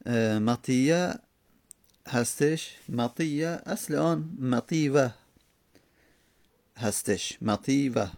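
Man, gravelly voice, dry recording, step-by-step grammar lesson. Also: mid-range voice, darkish tone, no echo. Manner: explains step by step, repeats words slowly to drill them. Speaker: teacher of Arabic grammar. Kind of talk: classroom lecture on Arabic morphology.

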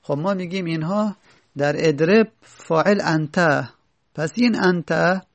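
Gravelly man teaching Arabic grammar. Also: on the high side. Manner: reads Arabic lines, then explains them step by step. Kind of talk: explaining an Arabic grammar text.

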